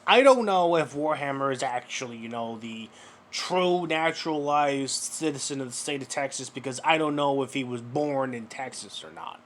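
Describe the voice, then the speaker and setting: A man's voice: medium pitch, animated, moderate pace, fairly bright tone, a little hiss or hum. A man giving mocking reaction commentary, sarcastic and profane, lecturing the person in a clip.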